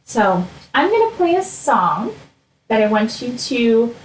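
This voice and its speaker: A woman's voice: on the high side, sing-song, takes it slowly, roomy sound, a little hiss or hum, poor audio. A woman in her thirties teaching young children online in a broad, singsong manner, often prompting them with questions, recorded on a computer mic at home. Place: small furnished room at home. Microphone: computer mic at desk, video call framing.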